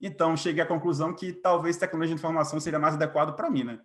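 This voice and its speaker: As a guest in a relaxed interview, a Bahian-accented Brazilian software developer in his late twenties recounts his personal story, frequently dropping in little tag questions. His voice is a little high, with fairly even intonation, and he talks very fast.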